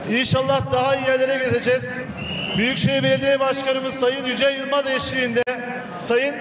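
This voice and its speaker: A man's voice: very high voice, distant mic. A man giving a formal acceptance speech as a festival patron, on an echoey, noisy public address system. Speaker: newly named festival patron. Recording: echoey outdoor PA, loud crowd noise.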